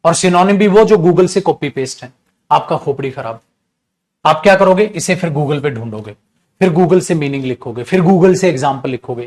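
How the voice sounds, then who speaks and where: A man teaching an online English class in a high-pitched voice. He talks to his students fondly as children and repeats every point in lists. His tone swings between patient coaxing and sharp scolding. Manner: repetitive, list-like explaining.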